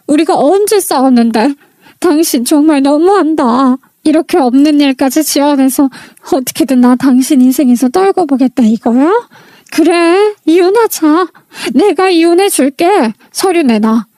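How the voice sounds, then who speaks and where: A woman's voice: high voice, lively intonation, moderate pace, mellow, no room sound. A woman voicing a defensive, irritable husband caught cheating. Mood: irritated.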